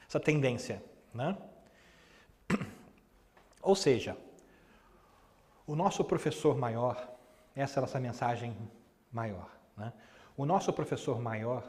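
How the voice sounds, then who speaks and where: A man's voice: medium pitch, darkish tone. A middle-aged man giving a conversational talk, often asking the audience questions and acting out short dialogues. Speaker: Spiritist speaker. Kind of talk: live lecture. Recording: long hall reverb.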